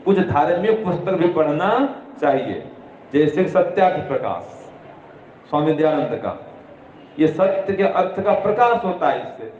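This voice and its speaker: A man's voice: fairly high pitch, expressive, unhurried, darkish tone, a little hiss or hum. A man giving moral instruction to students in a didactic way, repeating his points and answering his own questions. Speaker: religious teacher addressing students. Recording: echoey room over a tinny phone-like line.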